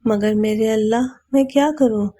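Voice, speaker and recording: A woman's voice: a little high, steady tone, dark tone, natural voice. A woman voicing an earnest young husband in a storybook reading, speaking bluntly and then in pleading prayer.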